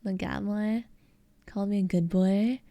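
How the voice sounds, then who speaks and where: A young woman streamer chatting casually on a close mic, soft-spoken and giggly, rambling with lots of fillers. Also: medium pitch, fairly even intonation, a little slow, no echo. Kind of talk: casual ASMR stream chat.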